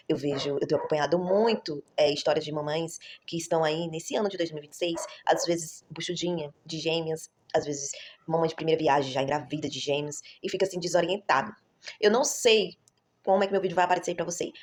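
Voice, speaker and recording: A woman in her 30s, a vlogger and mother, tells stories casually to her viewers in a rambling vlog style, often correcting herself. Her voice is low and a little mellow.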